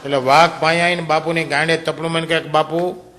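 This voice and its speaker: A man tells crude jokes, laughing at his own punchlines. His voice sits a touch high and rings very bright and forceful. He slips into the voices of his characters as he goes. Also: level tone, quick pace. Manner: crude, chuckling storyteller, acts out characters' quoted lines. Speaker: stand-up comedian. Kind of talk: adult joke telling to a live audience.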